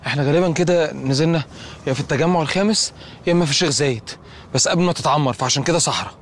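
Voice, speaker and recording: A man's voice: fairly high pitch, racing, slight background noise, natural voice. An actor with an Egyptian accent playing a nervous, whiny young man in a comedy series. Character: anxious, clueless young man lost in time.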